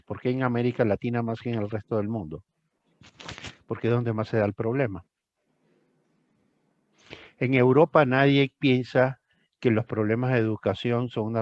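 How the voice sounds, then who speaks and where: An older male thesis tutor with a fairly low, darkish voice leads a one-on-one tutoring session, speaking emphatically and repeating phrases for stress. The call audio is dry, lo-fi, and free of echo.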